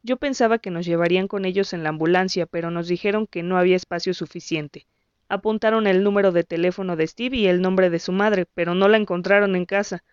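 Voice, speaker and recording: A woman narrating a story in the first person with an even, measured reading. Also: fairly low pitch, smooth, no echo, highs cut off. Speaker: audiobook narrator.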